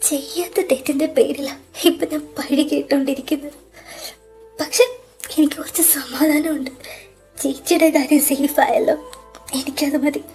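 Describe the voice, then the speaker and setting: A tearful young college woman, loyal to her sister, played by a woman. She has a high, mellow voice. She speaks softly and hesitantly in a fan audio drama. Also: fairly even intonation, moderate pace, pauses often, faint music behind. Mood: sad resolve.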